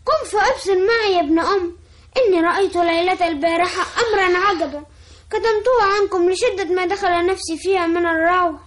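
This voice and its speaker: A woman's voice: very high-pitched, fast talker. A woman playing a frightened young girl in a classical Arabic radio drama, urgent and pleading.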